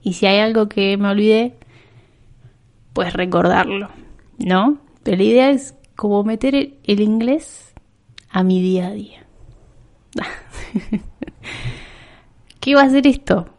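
A woman's voice: medium pitch, slow pace, long pauses, a little mellow. A young woman with an Argentine accent, hosting her podcast in a rambling, self-mocking casual chat. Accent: Argentine Spanish. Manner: chatty, rambling, self-mocking with frequent laughs. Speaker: podcast host.

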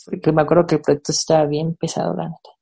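A young woman with a Mexican accent, telling stories in a relaxed, casual chat full of fillers. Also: low-pitched, quick pace, vocal fry, slightly rough. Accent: Mexican Spanish. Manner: relaxed storytelling with many fillers.

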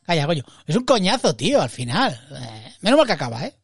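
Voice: medium pitch, sing-song, fast talker, over music. A co-host with a Spain Spanish accent in casual podcast chat, blunt, swearing freely and often tacking on "tío".

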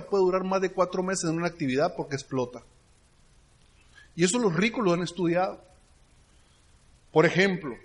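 A middle-aged man with a Mexican Spanish accent giving a motivational business seminar, telling stories and often checking that the audience follows him. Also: high-pitched. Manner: storytelling that keeps checking in with the audience. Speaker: business leadership speaker.

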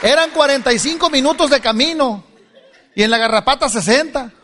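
A man's voice: very high-pitched, a little fast, a crowd in the background, noisy background. A middle-aged man telling a humorous life story to a live audience, joking and laughing as he goes. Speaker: speaker giving a testimony. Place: stage before an audience.

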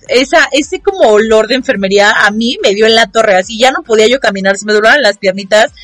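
A young woman with a Mexican Spanish accent, casually telling a lively story, acting out voices and laughing often. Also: fairly high pitch, no room sound. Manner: animated, acts out quoted voices, laughs often.

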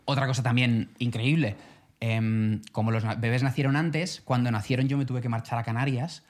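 A man from co-hosting a podcast in casual chat, telling stories with lively voiced asides. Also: medium pitch, normal speed. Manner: animated storytelling, voices other people in quotes. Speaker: podcast co-host.

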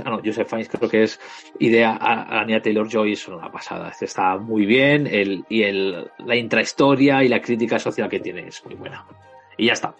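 A man's voice: fairly low pitch, a bit bright. A man with a Castilian accent giving casual reviews as a podcast panelist. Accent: Castilian Spanish. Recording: dull lo-fi sound, music behind.

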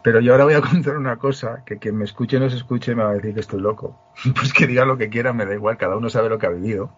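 In a casual chat, a husky-voiced man hosting a podcast races through a story in a mid-range voice. He restarts his sentences often and speaks emphatically. The lo-fi audio sounds muffled.

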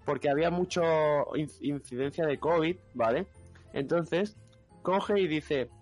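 High voiced dude telling a funny story, faint music behind. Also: male voice, measured pace. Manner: animated retelling, acts out shouted quotes. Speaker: podcast co-host. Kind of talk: casual chat.

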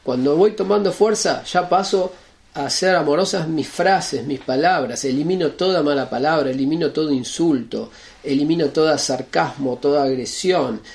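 A man teaches a spiritual lesson in an earnest, repetitive way, listing points one after another. His voice sits a little high and carries a gravelly fry. He often stops to check that his listeners are following. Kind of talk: explanatory spiritual talk.

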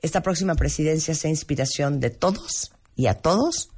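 A male Mexican radio host with a slightly high voice speaks emphatically in the studio, piling up long lists and urging listeners like a preacher. His casual talk keeps a moralizing edge. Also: animated, moderate pace, darkish tone, breathy edge. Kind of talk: casual opinion talk on air.

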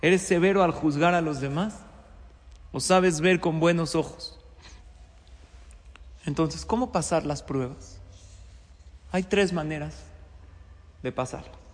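A man's voice: on the high side, takes it slowly, long pauses. A man giving a Torah-based moral teaching, driving his points home with rhetorical questions and repetition. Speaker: religious teacher. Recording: long reverb.

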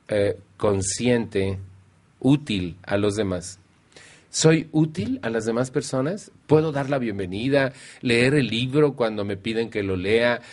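A man addresses a live audience. His voice sits at a middling pitch, and his tone is playful and conversational. He often puts questions to the room. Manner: playful, asks the audience questions, acts out quotes in a higher voice. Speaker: speaker at a recovery meeting. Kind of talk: motivational talk to a live audience.

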